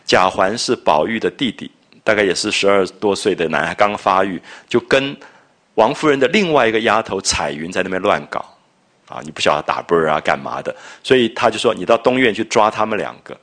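Male lecturer, storytelling delivery, low voice, husky tone, lively intonation. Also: fairly quick. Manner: animated storytelling with asides and rhetorical questions. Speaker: literature lecturer. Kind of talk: lecture explaining a classic novel.

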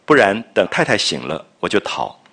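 A man's voice: sits low, sing-song, moderate pace, fairly bright tone, breathy edge, full character voice. A man reading out the lines of a playful teenage noble boy coaxing a maid, in a teasing tone.

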